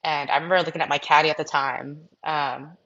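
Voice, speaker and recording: A young woman with a notably low voice tells tour stories in a loose, chatty podcast interview, her speech dotted with "like" and "um". The audio sounds a little dull and muffled, as if recorded on modest gear. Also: steady tone, fairly quick, fairly bright tone. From Massachusetts, US. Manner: chatty, frequent fillers like "like" and "um". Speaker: podcast guest, professional golfer. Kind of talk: casual storytelling interview.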